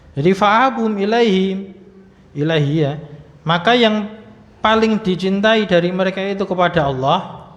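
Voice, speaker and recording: A man teaching Arabic grammar in a religious study lesson, explaining patiently with many fillers and light humor. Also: fairly high pitch. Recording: muffled recording with long hall reverb.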